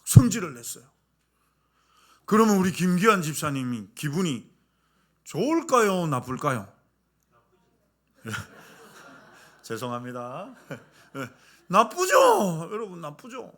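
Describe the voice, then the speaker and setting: Animated, high-voiced male pastor. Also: slow pace, pauses often. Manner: animated, asks the congregation questions. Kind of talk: sermon with humorous anecdotes.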